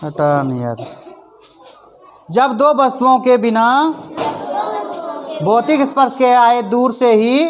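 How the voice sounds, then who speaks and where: Woman teacher explaining, high voice. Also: animated, slow pace, long pauses. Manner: explains in plain repetitive phrases, checks understanding often; leads call-and-response recitation. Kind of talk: classroom lesson. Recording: faint background noise.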